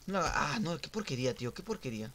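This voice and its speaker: A young man streaming a game, giving casual live commentary that swings from muttering to sudden shouts and sing-song teasing. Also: a little high, sing-song, fast, a little hiss or hum. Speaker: gaming streamer.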